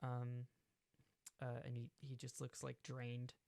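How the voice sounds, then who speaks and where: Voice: medium pitch, completely flat delivery, measured pace, creaky, dry recording. A game master narrating a tabletop role-play game, rambling through many fillers. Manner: rambling, many fillers, bursts into loud shouted character lines.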